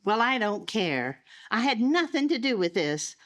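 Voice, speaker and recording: A woman's voice: fairly high pitch, sing-song, a little slow, a bit bright. A woman playing a blunt, indignant and easily flustered American murder suspect in a live audio drama. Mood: exasperated. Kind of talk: live radio-style audio drama acting. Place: live stage performance in a public library.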